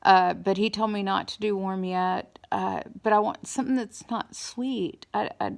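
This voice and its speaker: A woman giving a casual, halting personal update, weary after dental surgery, slightly hoarse, with speech a little impeded by a swollen mouth and new teeth. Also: mid-range voice, fairly even intonation.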